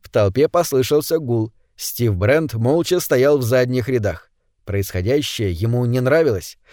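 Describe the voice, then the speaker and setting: A man narrating a story as an audiobook reader, reading in an expressive, animated way. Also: medium pitch, measured pace, dry recording, studio quality. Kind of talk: scripted narration.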